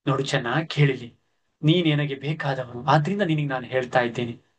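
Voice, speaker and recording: A man's voice: mid-range voice, moderate pace, lo-fi sound, a little hiss or hum. A male lecturer explaining a verse play to degree students, paraphrasing each line in plain speech.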